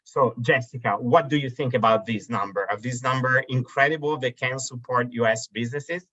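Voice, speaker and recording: Slightly fast and pushed, his mid-range voice bright, the Italian webinar host in his thirties presents marketplace slides. He stumbles with hesitations, fillers, and restarts, heard through dull lo-fi video call audio.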